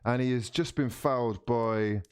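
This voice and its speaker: A man hosting a live fan football watch-along, commentating in an informal, excitable, matey way. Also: medium pitch, normal speed, clean tone, no echo.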